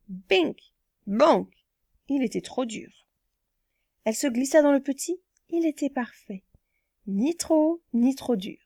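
A woman reading a children's story aloud in an expressive way, adding playful sound words. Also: high-pitched, no echo, studio quality.

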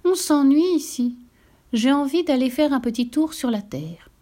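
A woman voicing a small, curious, girlish water drop in a read-aloud storybook, with a high, eager voice. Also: expressive, moderate pace, dark tone. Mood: bored.

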